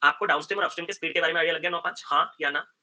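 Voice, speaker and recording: A male math teacher who talks at a rapid clip with a sharp, bright tone and a high-pitched voice. He runs a lively exam-prep lesson, acting out back-and-forth exchanges with his students. He mixes English terms into his Hindi.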